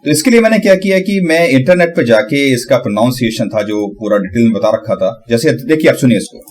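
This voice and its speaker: A man giving a casual tutorial on pronunciation, breaking hard words into syllables and repeating them slowly. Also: mid-range voice, expressive, a little mellow. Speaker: channel host.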